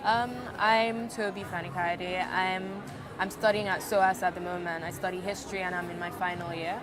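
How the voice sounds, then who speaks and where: Young Nigerian woman, hesitant, low voice. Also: little pitch movement, moderate pace, over music, a crowd in the background. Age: young adult. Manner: hesitant, many fillers and restarts. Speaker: interviewee, student. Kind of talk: casual interview answers.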